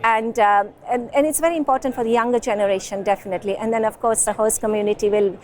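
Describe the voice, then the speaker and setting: A woman from a dance group giving an enthusiastic, halting interview at an event. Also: on the high side, steady tone.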